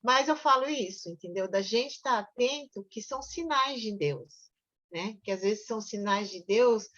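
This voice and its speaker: A chatty Brazilian woman with a Brazilian Portuguese accent tells a personal story during casual Bible study discussion, repeating words and frequently asking "right?". Her medium-pitched voice is fairly bright with lively intonation at normal speed, captured in a muffled lo-fi recording.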